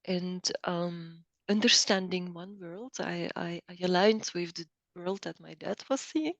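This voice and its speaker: A middle-aged woman from Belgium, speaking as an interview guest, thoughtful and hesitant with many pauses and restarts. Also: lowish voice, a bit bright, dry recording, dull audio. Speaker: guest, coach. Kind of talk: interview conversation.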